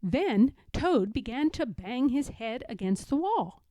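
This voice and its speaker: A woman reading a children's story aloud in a measured, expressive storytelling manner. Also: on the high side, no echo. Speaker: storybook reader. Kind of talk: scripted children's story narration, read aloud.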